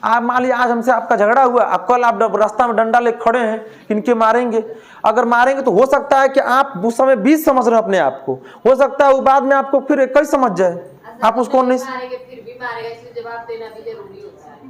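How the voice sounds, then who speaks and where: A man's voice: extremely high pitch, brisk. A man teaches a class for a teaching exam. He keeps asking the room questions and answering them himself. He cracks jokes along the way. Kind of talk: classroom lecture.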